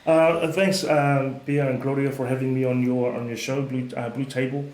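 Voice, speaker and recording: A man, a relaxed and chatty podcast guest who uses many fillers. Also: mid-range voice, moderate pace. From Samoa. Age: 30s. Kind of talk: casual podcast chat. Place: studio room. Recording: echoey room.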